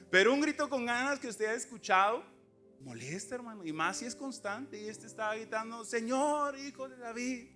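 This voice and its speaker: High-voiced man preaching. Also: lively intonation, moderate pace, pushed and bright, faint music behind. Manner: emphatic, conversational, with rhetorical questions and asides to the congregation. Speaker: lay preacher. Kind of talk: sermon. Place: church sanctuary.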